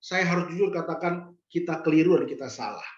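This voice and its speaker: A male pastor delivers a sermon, pressing the congregation with direct questions and slowly repeating his main lines. His voice carries through a roomy space with some echo. The recording sounds a little dull and lo-fi. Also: a little high.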